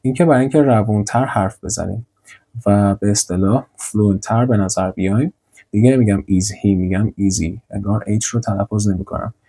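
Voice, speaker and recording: A young man teaching an English grammar lesson with slides, drilling sentences slowly and repeating them. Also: lowish voice, dark tone. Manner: slow, deliberate model sentences, repeating drills.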